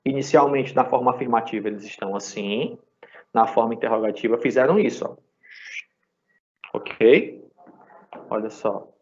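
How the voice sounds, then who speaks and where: A man's voice: mid-range voice, moderate pace, pauses often, darkish tone. A man with a Brazilian Portuguese accent teaching an English class live online, explaining patiently and checking in with the students often. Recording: dull lo-fi sound.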